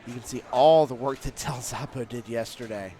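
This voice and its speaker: Calling a live tournament play by play, this man speaks at normal speed in a mid-range voice. His style is analytical, with lengthy explanations full of filler words.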